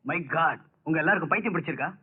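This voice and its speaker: An actor playing a brusque, impatient young husband who scolds and dismisses others' fears in an old film drama. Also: male voice, fairly high pitch, very fast. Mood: brusque, scolding. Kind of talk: film melodrama acting. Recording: tinny, husky old film soundtrack with music.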